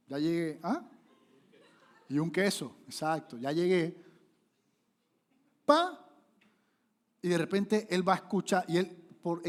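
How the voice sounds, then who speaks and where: A male pastor preaching a sermon, animated, with sudden loud rises and acted-out quotes. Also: fairly high pitch.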